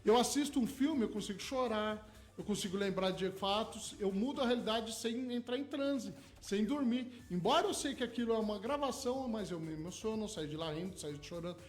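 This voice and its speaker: Brief: man, hypnotherapist guest on radio, high voice, eager, piles up everyday examples. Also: brisk. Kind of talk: radio interview. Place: radio studio.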